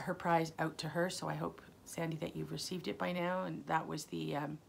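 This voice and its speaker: A low, gravelly-voiced woman hosts her knitting podcast in a loose, rambling chat, stumbling over ums and correcting herself, with a chest cough that won't go away. A little hiss or hum sits under the recording.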